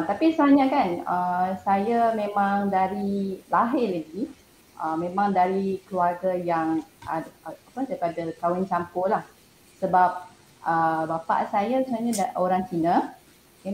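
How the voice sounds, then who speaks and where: Woman, thirties, soft mellow tone, informal giggly chat, roomy noisy laptop recording. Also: mid-range voice, a little slow. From Malaysia. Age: 30s. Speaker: panel guest, language academy founder. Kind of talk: casual online panel chat. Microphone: laptop on an online call. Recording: echoey room with background noise.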